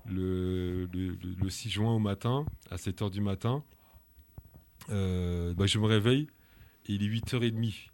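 A man from France, an activist guest, telling his story in an interview, halting and often restarting his words. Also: on the low side, darkish tone. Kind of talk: personal testimony in an interview.

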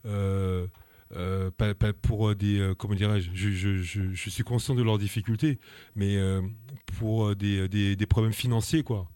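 A man from France, an activist guest, telling his story in an interview, halting and often restarting his words. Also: lowish voice, fairly even intonation, mellow, no echo. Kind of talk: personal testimony in an interview.

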